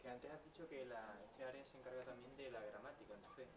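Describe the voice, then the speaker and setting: A man's voice: medium pitch, quick pace, reverberant. A man in a lecture audience asking the speaker a question. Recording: distant, noisy room sound.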